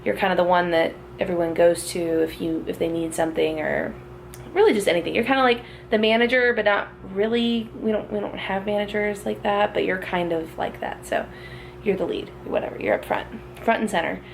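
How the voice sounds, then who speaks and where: A woman's voice: mid-range voice, fairly even intonation, fairly quick, vocal fry, slight background noise. A young woman with a Southern US accent, a flight attendant chatting casually to her phone camera in a rambling, tired way. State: tired morning voice. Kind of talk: casual vlog chat. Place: hotel room and airplane galley.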